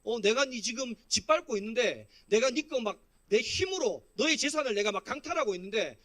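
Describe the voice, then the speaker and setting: A pastor putting on a sneering bully. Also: male voice, very high voice, lively intonation, fairly quick, a bit bright. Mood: mocking. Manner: mocking, scornful, swaggering. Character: arrogant, sneering wicked man taunting a victim.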